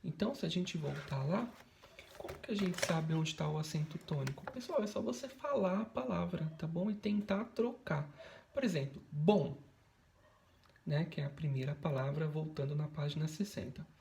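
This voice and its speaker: A man's voice: fairly high pitch, normal speed, creaky, darkish tone, a little hiss or hum. A Brazilian male teacher in a recorded video lesson, speaking patiently and checking in with frequent tag questions. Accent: Brazilian Portuguese.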